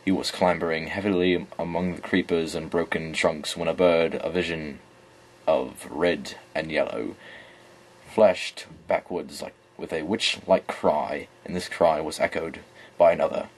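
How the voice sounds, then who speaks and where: A man with a deep voice reads a novel aloud in an affected English accent. His tone is husky and slightly breathy. He trips over words now and then and starts them again. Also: fairly even intonation, measured pace. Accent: put-on English. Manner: stumbling, self-correcting reading. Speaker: amateur reader. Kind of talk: audiobook reading.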